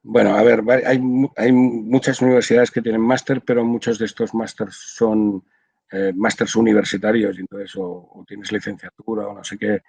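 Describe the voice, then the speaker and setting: A man's voice: on the low side, little pitch movement, normal speed, gravelly, a little mellow, breathy edge, no room sound, poor audio. An older man from Spain, a translator, explaining his work at length in a casual video-call interview, with many restarts. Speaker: audiovisual translator, interview guest.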